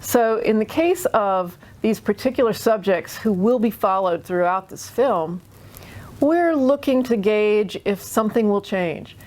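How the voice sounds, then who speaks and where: A woman who directs an arts center, speaking in a measured, explanatory way in a documentary interview. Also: mid-range voice, darkish tone.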